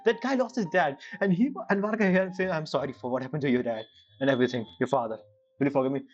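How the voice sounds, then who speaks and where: Streaming a game with music in the background, a woman whose first language isn't English reacts chattily and phrases things hesitantly. She speaks quickly in a low voice with a darkish tone, through a somewhat dull-sounding microphone.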